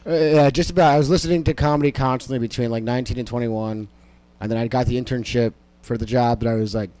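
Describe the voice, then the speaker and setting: Quick yet steady, a young man whose first language was Amharic speaks in a mellow mid-range voice as a guest on a podcast. The stand-up comic rambles casually through the interview, cursing and leaning heavily on filler words.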